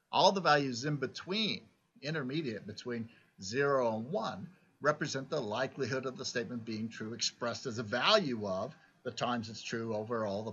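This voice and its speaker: Bright, lively man lecturing. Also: mid-range voice, slightly rough. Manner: explanatory, frequent "right?" check-ins. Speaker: philosophy lecturer. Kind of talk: recorded lecture. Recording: dull lo-fi recording.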